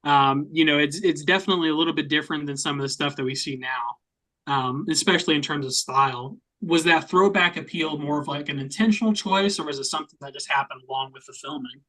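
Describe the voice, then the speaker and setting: A man's voice: fairly high pitch, fast, sharp tone, no room sound, poor audio. A man in his late twenties co-hosting a podcast, joking and stammering over restarts as he chats. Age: late 20s. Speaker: podcast co-host. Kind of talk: casual interview chat.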